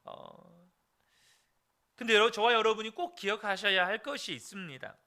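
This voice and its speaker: A man's voice: high-pitched, sharp tone. A male pastor preaching an earnest dawn service sermon, speaking directly to his congregation.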